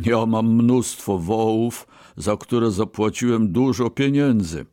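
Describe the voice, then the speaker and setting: A man's voice: fairly low pitch, takes it slowly, dark tone, no room sound, studio quality. A man voicing a rich, dismissive merchant in a storybook reading, scoffing and lecturing.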